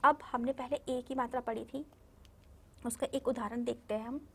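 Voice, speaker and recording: A woman teaching young children Hindi in a recorded video lesson, slowly stretching and repeating each word syllable by syllable and often checking whether they follow. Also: fairly high pitch, steady tone, vocal fry, sharp tone, a little hiss or hum. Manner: slow, drawn-out syllable-by-syllable pronunciation drills, repeating words; patient, coaxing, checks understanding with "ठीक है?". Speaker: primary school Hindi teacher.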